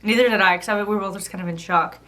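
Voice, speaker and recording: A woman's voice: mid-range voice, steady tone, racing, bright, forceful tone. A thirty-year-old woman vlogging, telling a personal story in a chatty, casual way with lots of "like". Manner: chatty, fillers of "like" throughout.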